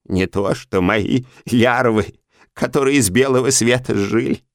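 A man voicing a spiteful old female hag spirit who talks in a slow, sneering drawl. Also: medium pitch, no echo, studio quality, natural voice.

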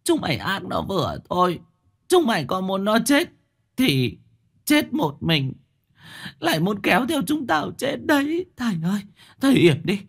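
A man's voice: high-pitched, vocal fry, husky, pitched above the performer's own voice, full character voice. A man voicing a bitter, hysterical older woman who shrieks and wails. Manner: shrieking and wailing.

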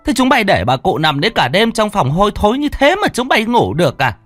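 A man voicing a sharp-tongued old neighbor woman who scolds in a shrill, raised voice in a spoken ghost story. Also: sing-song, a little fast, no room sound, faint music behind. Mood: scolding.

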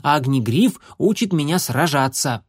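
A man's voice: on the high side, moderate pace, breathy edge, dry recording, clean studio sound. A man voicing an eager, proud young male kitten boasting in a storybook reading. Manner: boastful, excited.

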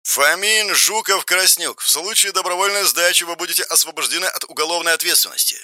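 A man's voice: high-pitched, a little fast, sharp tone, dry recording, voice pushed up. A man doing a stiff policeman reading an announcement. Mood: official. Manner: stiff, official, stumbling over names. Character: male policeman reading an official notice.

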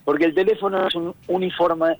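Husky Rioplatense man on the radio. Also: high-pitched, fairly even intonation, fast talker, no room sound, rough recording. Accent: Rioplatense Spanish. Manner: thoughtful, searching for words, hums rhythms. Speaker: radio columnist. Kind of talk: casual radio talk. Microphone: phone line. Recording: radio broadcast, faint music.

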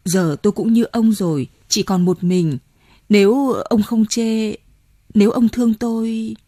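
A woman's voice: mid-range voice, steady tone, measured pace, warm tone, no room sound, studio quality, natural voice. A woman reading an audiobook voices a frightened older woman who pleads urgently and breathlessly. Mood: tender insistent.

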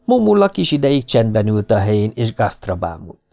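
A man narrating an audiobook with a steady, measured reading. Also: lowish voice, creaky, no echo. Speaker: audiobook reader.

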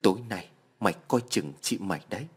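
A man voicing a vengeful, menacing old woman ghost who speaks slowly and threateningly in a spoken horror story. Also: low-pitched, animated, husky. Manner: threatening, slow.

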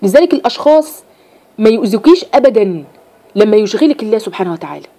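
A middle-aged woman with an Egyptian accent giving a religious lesson to women, lively and repeating her phrases as she acts out examples. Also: medium pitch, quick pace. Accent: Egyptian Arabic. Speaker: religious teacher.

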